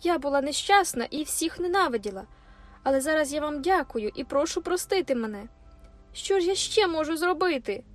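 A proud young woman on the edge of tears, pleading and insisting in a high, urgent voice, as a woman reader puts her on. She pushes her words out with feeling. Faint music plays behind the audiobook reading. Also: lively intonation, fairly quick. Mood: contrite. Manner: insistent and emotional, near tears. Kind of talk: audiobook character voice.

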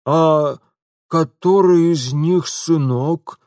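A man's voice: fairly high pitch, extremely slow, a little mellow, dry recording, studio quality, voice pushed up. A man voicing a whiny, indignant middle-aged shopkeeper who squeals and complains.

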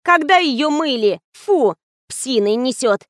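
A woman voicing a young actress who whines and squeals and is sometimes bluntly deadpan, in a storybook reading. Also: high-pitched, normal speed, dry recording, studio quality, pitched above the performer's own voice. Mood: squeamish.

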